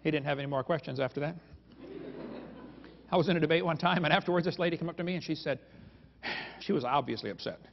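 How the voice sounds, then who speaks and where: A man's voice: fairly high pitch, fast talker, creaky, long pauses, slight background noise. A man giving a humorous lecture to a live audience, telling stories in a sarcastic, joking way and chuckling at his own lines. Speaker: creationist speaker. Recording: reverberant hall, dull lo-fi sound.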